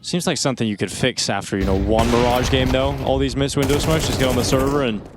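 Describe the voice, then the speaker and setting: A man calling live esports play-by-play on a headset mic, quick and excitable, rising on the big plays. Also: mid-range voice, over music. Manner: fast, excitable calls that rise on big plays. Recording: game sound effects behind the voice. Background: game gunfire and effects.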